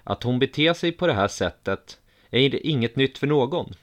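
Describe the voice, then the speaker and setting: A man calmly reading a first-person story aloud in an even, measured way. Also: medium pitch. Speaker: narrator.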